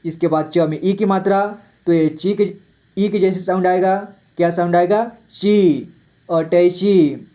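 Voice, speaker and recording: A man's voice: high-pitched, measured pace, warm tone. A male teacher giving a reading lesson, saying each word twice and patiently explaining the vowel signs. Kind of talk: Hindi reading lesson for children.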